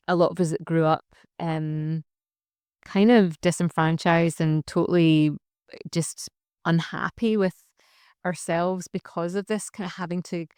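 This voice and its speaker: A woman's voice: fairly low pitch, a little mellow, smooth, no echo, studio quality. A young adult woman, a social enterprise founder talking reflectively in a casual interview, with plenty of fillers and restarts. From Scotland.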